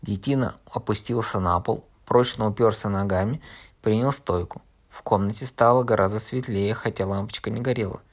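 A man reads an audiobook aloud, narrating in the first person. His voice sits on the low side, and he tells the story in an even, steady way. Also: normal speed. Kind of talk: audiobook reading.

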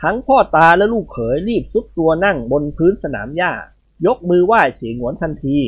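Woman audiobook narrator, expressive; husky tone, lo-fi recording. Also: lowish voice, fairly quick. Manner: lively, expressive reading. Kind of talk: storytelling narration.

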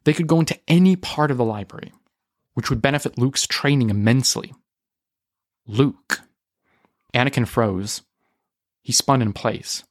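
A man reading scripted audio drama narration, slowing down for tense moments. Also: medium pitch, no echo, clean studio sound.

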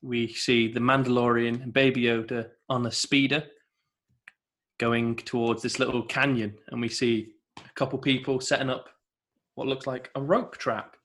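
A man's voice: mid-range voice, little pitch movement, moderate pace, fairly bright tone. A man co-hosting a casual podcast, steadily recapping an episode's plot. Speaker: podcast co-host. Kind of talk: casual TV episode review chat.

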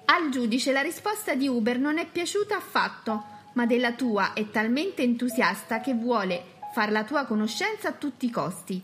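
A woman's voice: on the high side, animated, moderate pace, hardly any pauses, fairly bright tone, faint music behind. A woman voicing a pair of joyful, teasing country parents in a children's audiobook. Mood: jovial. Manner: jovial, teasing. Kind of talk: audiobook character voice.

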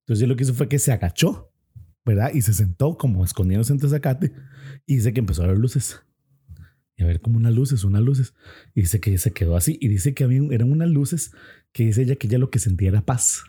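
A man's voice: medium pitch, expressive, a little fast, mellow, breathy edge. A young Costa Rican man telling a spooky story in a casual, rambling chat full of slang and restarts.

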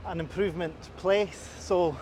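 A Highland Scottish man with a slightly high voice talks as a local guide in an interview, explaining things with some hesitation. He is recorded outdoors, with some traffic noise behind him. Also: steady tone, a little slow, a little mellow. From Inverness, Scottish Highlands. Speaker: local councillor being interviewed. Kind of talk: conversational guided commentary while out cycling. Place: outdoors on a busy city street. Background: traffic and street noise.

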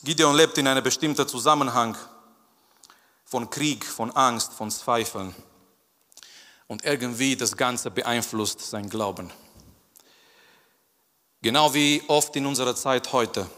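A man preaching a sermon in an animated way, repeating phrases for emphasis and acting out the quotes. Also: medium pitch, measured pace, pauses often. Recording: long hall reverb.

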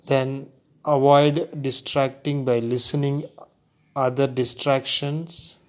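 In a calm, medium-pitched voice, a man guides a meditation at an extremely slow, deliberate pace. He separates short phrases with long, unhurried pauses, in the measured style typical of relaxation instruction.

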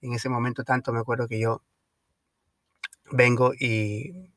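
Male podcast host, casual storyteller, mid-pitched voice, dry close sound. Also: unhurried, dry recording. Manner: chatty, lively, with frequent fillers and swearing.

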